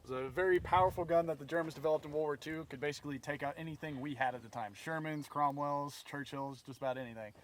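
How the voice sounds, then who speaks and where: A man's voice: on the high side, quick pace, hardly any pauses, slight background noise. A man at an outdoor firing range, explaining a gun in a matter-of-fact way. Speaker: weapons range guide.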